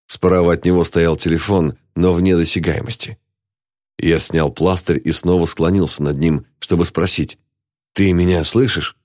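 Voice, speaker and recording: Deep-voiced man narrating an audiobook. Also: little pitch movement, normal speed, a little mellow, dry recording, studio quality.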